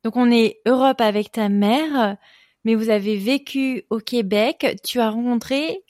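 A woman hosting a podcast interview, chatty and quick to joke. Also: a little high, a little mellow, no room sound, studio quality. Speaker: podcast host.

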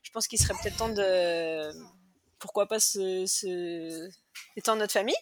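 A woman's voice: mid-range voice, measured pace, no echo, clean studio sound. A French woman in her thirties, a podcast guest candidly and chattily telling her life story in a casual conversation. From France. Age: 30s.

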